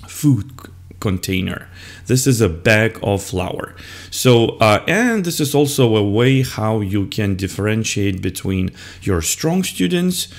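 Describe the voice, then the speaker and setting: Slow, low-voiced older male teacher. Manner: explaining steps to other teachers, modelling words and answers. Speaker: English teacher. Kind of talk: screen-recorded lesson walkthrough. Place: indoors at a computer.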